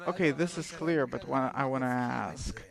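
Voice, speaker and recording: A man's voice: medium pitch, normal speed, creaky, crowd noise. A man interviewing a guest, asking probing and puzzled questions.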